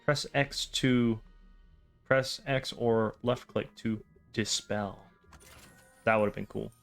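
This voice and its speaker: A man hosting a game playthrough with casual, wry, deadpan commentary and rambling asides. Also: mid-range voice, slow, vocal fry. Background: game music.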